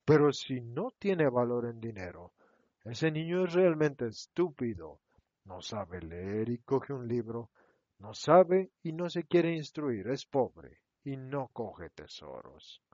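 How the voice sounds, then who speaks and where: Man doing greedy, proud mocker, sneering, slow, dull dry sound. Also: medium pitch, sing-song, warm tone, dry recording. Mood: mocking. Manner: sneering, mocking tone.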